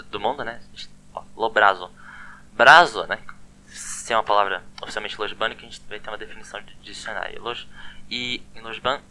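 A language teacher gives a casual, chatty online lesson, often repeating words with a questioning "né?". His voice is on the low side with a sharp tone, and there's slight background noise.

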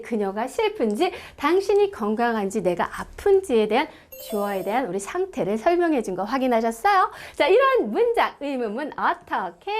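A high-pitched woman from South Korea gives an English grammar lecture. Her voice leaps around with animated, sing-song repetition, and she laughs often between the drills. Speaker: English teacher.

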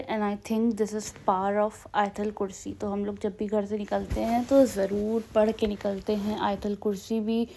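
A young North Indian woman talks through her day in a relaxed, chatty vlog voice-over. Her voice is mellow and mid-pitched, and she drops English words into her Hindi. A faint hiss of noise sits under the recording. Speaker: family vlogger. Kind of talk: casual vlog narration.

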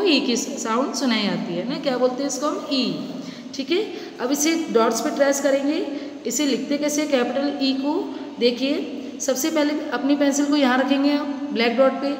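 Indian lady teacher, high voice, slow patient steps for little kids, echoey roomy sound. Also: a little hiss or hum. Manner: patient, repeats steps slowly for small children. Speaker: nursery teacher. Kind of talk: children's handwriting lesson. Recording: echoey room with long reverb, faint ambience.

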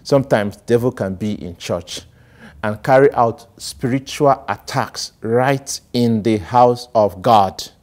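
Slow-talking priest, animated homily. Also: male voice. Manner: animated, sweeping gestures, swings between loud emphasis and low asides. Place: small studio set with plants, indoors. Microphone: lapel mic.

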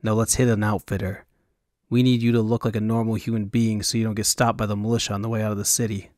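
A blunt, impatient male mercenary, as a narrator plays him, speaks low and curt. The voice stays near the reader's own, recorded dry and close. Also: flat delivery, quick pace, darkish tone, no echo, lightly acted.

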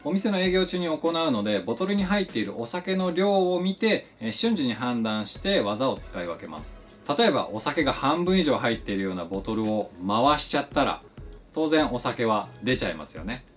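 A man's voice: moderate pace, faint music behind. A man, a flair bartender, giving a polite, scripted explanation of his craft. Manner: polite, explanatory, lively pitch swings. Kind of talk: scripted educational narration.

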